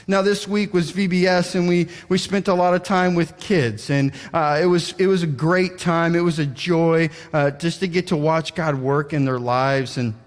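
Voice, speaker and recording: High-voiced male pastor, conversational. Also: steady tone, normal speed, hardly any pauses, big-room sound. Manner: conversational, asks the congregation questions. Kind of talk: sermon. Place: church sanctuary.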